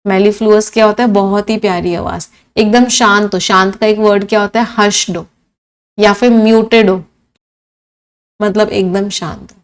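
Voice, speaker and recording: A woman's voice: mid-range voice, steady tone, normal speed. A woman teaching English vocabulary for exams, asking questions and then answering them herself, repeating each meaning. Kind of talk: exam-prep vocabulary lesson in Hindi-English mix.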